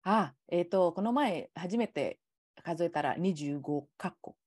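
Polite woman, low and dark. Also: lively intonation, slow, no echo, clean studio sound. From Indonesia. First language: Indonesian. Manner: polite, frequent affirming fillers. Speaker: guest. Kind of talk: casual online interview. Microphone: video call.

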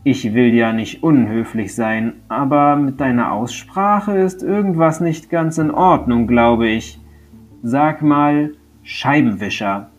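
A helpful, patient young forest creature played by a man, explaining things kindly and unhurriedly. His voice stays close to the reader's own, with only a slight lift. Soft guitar music sits far in the background. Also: medium pitch, takes it slowly, pitched above the performer's own voice, close to an everyday voice. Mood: polite.

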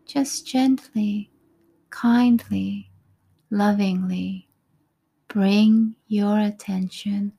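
A woman leading a guided breathing meditation in a soft, breathy, calm voice, with unhurried short phrases and pauses. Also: medium pitch. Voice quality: soft, breathy, often near a whisper.

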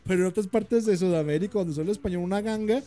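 Mexican male host, high voice, profane teasing banter. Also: fast, dark tone. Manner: profane, teasing, says "güey" constantly. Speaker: radio show host. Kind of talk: crude joking chat.

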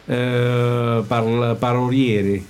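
A man's voice: medium pitch, little pitch movement, drawn-out words, a little mellow. A man hosting an informal interview, often searching for his words as he asks. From Ascoli area of Italy. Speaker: interviewer, host.

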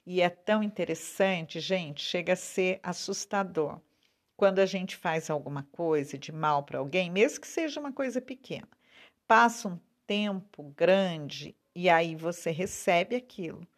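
Slow, earnest Brazilian woman preaching. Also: lowish voice, lively intonation. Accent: Brazilian Portuguese. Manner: slow, earnest, drawn-out emphasis, frequent "né?". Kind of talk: devotional talk to a viewer.

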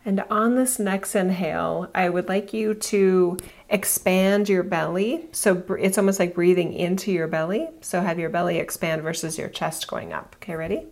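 A woman with a creaky voice hosting informal spiritual talk and guided meditation, gently instructing and soothing, with small asides to her listeners. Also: fairly low pitch, fairly even intonation, normal speed, hardly any pauses. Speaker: spiritual guide and podcast host.

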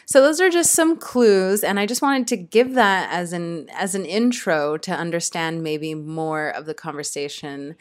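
A woman's voice: fairly low pitch, measured pace, hardly any pauses. Chatty woman hosting a podcast. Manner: chatty, upbeat, loose with frequent fillers. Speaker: podcast host. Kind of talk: casual podcast interview. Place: indoor room in Bali.

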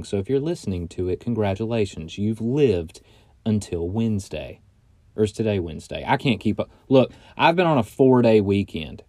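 A man's voice: lowish voice, warm tone, dry recording, clean studio sound. A man hosting his podcast from inside a bedroom closet, chatting loosely and joking in a casual, rambling way. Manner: loose, chatty and joking, with frequent fillers and mild swearing. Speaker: podcast host. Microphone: close studio mic, audio only.

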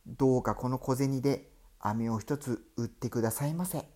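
A man voicing a weak young ghost woman in a Japanese storybook tale, pleading softly. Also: mid-range voice, moderate pace, natural voice. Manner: soft, faint pleading.

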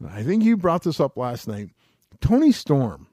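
Male podcast co-host, casual and excitable, swears freely, acts out quotes, dry recording. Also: a little high, unhurried, no echo. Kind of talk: casual chat.

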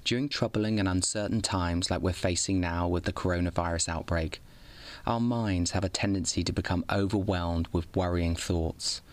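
In a calm, soothing, unhurried way, a man hosts a bedtime guided meditation much like a sleep story narrator. His voice sits low.

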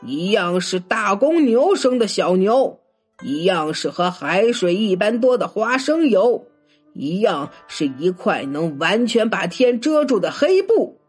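A woman's voice: mid-range voice, lively intonation, moderate pace, slightly rough, soft background music. A woman voicing an angry, pompous male prefect who scolds and blusters.

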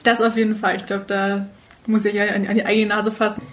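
A woman's voice: medium pitch, little pitch movement, fairly quick, slight background noise. Young woman, a thoughtful podcast guest. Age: young adult. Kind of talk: casual podcast conversation.

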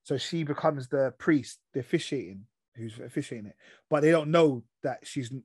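A man's voice: mid-range voice, moderate pace, slightly rough, no echo, clean studio sound. A man with an urban London roadman accent and slangy delivery, hosting a casual chat reviewing TV shows. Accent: London, urban street slang. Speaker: podcast host.

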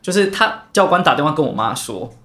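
This young podcast co-host has a slightly high, sing-song voice that comes across brisk, bright and forceful. He rambles through a long personal story on a chat podcast, restarting often and repeating words.

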